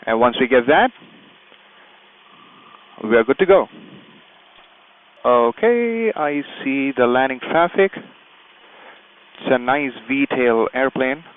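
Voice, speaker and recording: A man who works as a pilot and video host explains procedures step by step from the cockpit of a small plane, making radio calls along the way for an instructional vlog. His mid-range voice is expressive and slow, with long pauses, and the sound has a phone-like quality.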